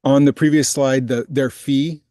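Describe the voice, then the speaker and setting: A man's voice: mid-range voice, fairly even intonation, dark tone, no echo, studio quality. A male commissioner speaking over a video call whose audio freezes and stutters, so his words break and repeat. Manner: halting, repeats words as the connection cuts out. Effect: choppy video-call audio that freezes and stutters. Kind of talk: public meeting discussion. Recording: distant, glitchy video-call line.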